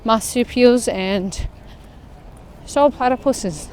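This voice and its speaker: A woman's voice: on the high side, takes it slowly, darkish tone, slight background noise. An Australian woman leading a walking workout, chatting casually as she walks through an outdoor park. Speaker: fitness vlogger leading a walk. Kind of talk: casual walk-along chat.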